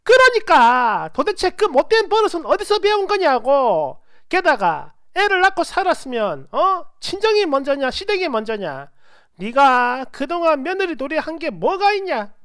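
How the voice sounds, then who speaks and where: A woman voicing a middle-aged mother-in-law who shouts and picks fights over the phone. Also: sits high, sing-song, moderate pace, no echo, studio quality, voice pushed up. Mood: indignant.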